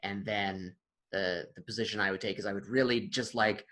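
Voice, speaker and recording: A man with a fairly low voice speaks in an easy, conversational way, musing about his craft. He pokes fun at himself and often restarts his sentences. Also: steady tone, normal speed, a bit bright, low-quality recording. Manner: thoughtful, self-mocking, trails off and restarts. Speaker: actor and improviser, guest. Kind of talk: casual conversation.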